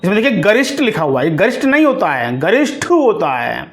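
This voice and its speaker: Man teacher with a high voice, slow deliberate grammar lesson delivery. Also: wildly swooping pitch, a bit bright. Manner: slow, deliberate, word-by-word dictation of correct and incorrect forms. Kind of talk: Hindi grammar lesson for exam preparation.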